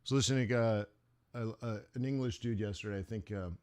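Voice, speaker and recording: Speaking fast in a low, steady, smooth voice with a darkish tone, a middle-aged man runs a live trading stream. He rambles casually through asides and laughs often.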